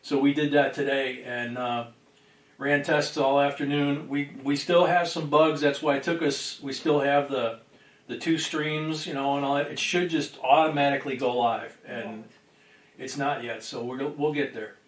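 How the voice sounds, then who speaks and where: A man hosting a casual livestream and greeting viewers, sounding distant from the boom microphone. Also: fairly even intonation, normal speed. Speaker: livestream host. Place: indoors at a table. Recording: roomy echo, distant microphone.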